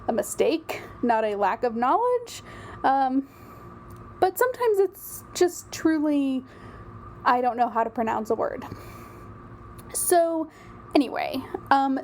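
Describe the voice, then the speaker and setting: A woman's voice: high voice, darkish tone, slight background noise. A woman in casual solo commentary, chatty and rambling with frequent ums. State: a little out of breath. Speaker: royal news commentator.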